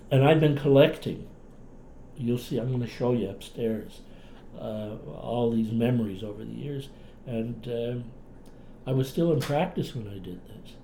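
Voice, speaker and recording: Older man with mellow Cape Breton accent. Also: mid-range voice. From Cape Breton, Canada. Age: older, past retirement. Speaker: interviewee, retired clinician and writer. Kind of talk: relaxed reminiscing conversation. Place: indoors in a home. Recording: roomy echo, faint background noise.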